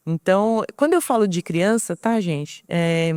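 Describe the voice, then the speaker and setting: A woman's voice: fairly low pitch, lively intonation, measured pace, a little mellow, clean tone, no room sound, studio quality. A middle-aged woman with a Brazilian Portuguese accent, giving an informal talk and explaining patiently, often asking and answering her own questions.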